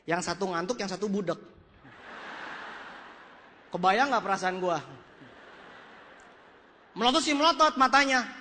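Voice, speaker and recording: A man's voice: very high voice, sharp tone. A man with a Jakarta colloquial accent giving a comic, self-mocking motivational seminar talk, acting out voices as he tells his story. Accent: Jakarta colloquial Indonesian. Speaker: motivational speaker. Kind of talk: animated seminar talk to a live audience. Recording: echoey hall with faint noise.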